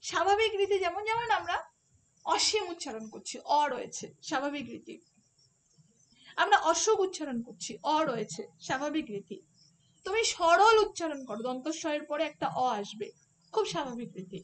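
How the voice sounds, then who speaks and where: A woman's voice: very high-pitched, very animated, moderate pace. A woman teaching a phonetics lesson for an exam, explaining step by step and asking rhetorical questions. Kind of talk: online exam-prep lesson.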